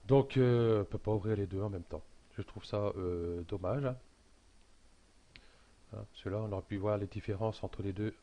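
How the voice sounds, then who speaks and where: A man talking through a casual software tutorial, hesitant and full of fillers and restarts. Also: lowish voice.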